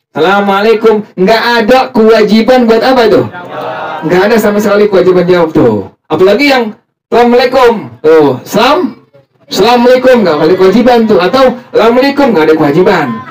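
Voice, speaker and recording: A man leads a religious study class. He keeps firing short questions at his students and has them repeat the answers back. His talk is casual and full of slang. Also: high voice. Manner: casual Jakarta-style slang. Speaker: Islamic teacher.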